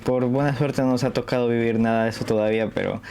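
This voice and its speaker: A man from Ecuador, a podcast guest speaking earnestly and thoughtfully, with halting restarts. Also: mid-range voice, steady tone, gravelly, a little mellow, a little hiss or hum. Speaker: guest, host's husband. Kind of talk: casual conversation.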